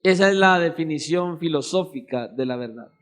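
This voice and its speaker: A man's voice: a little high, expressive, moderate pace, fairly bright tone. A man with a Colombian accent preaching a sermon in a church hall, emphatic, with rhetorical questions and repeated phrases. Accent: Colombian Spanish. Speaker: pastor.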